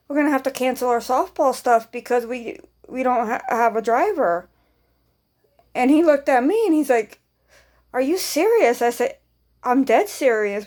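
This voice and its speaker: A woman's voice: fairly high pitch, a little mellow. Rambling young woman telling a story. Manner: rambling, repetitive, swears casually. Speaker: vlogger. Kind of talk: casual storytime.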